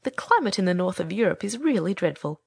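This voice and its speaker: A woman voicing a small, vain, impatient male swallow from a storybook, brisk and opinionated. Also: medium pitch, big pitch swings, vocal fry, no room sound, clean studio sound. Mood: complaining. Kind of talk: storybook character reading.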